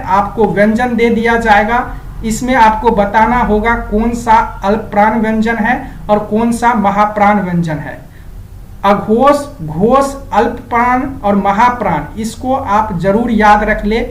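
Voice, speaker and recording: A woman's voice: a little high, measured pace, roomy sound, a little hiss or hum, low-quality recording. A woman teaching an exam-prep grammar lesson, going step by step and repeating the key items.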